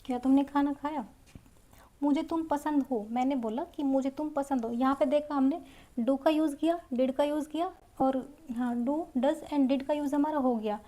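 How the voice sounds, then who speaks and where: Female grammar teacher, high and mellow, patient step-by-step classroom explaining. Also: normal speed. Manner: explains step by step, repeating each example in Hindi and English. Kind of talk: Hindi-medium grammar lesson.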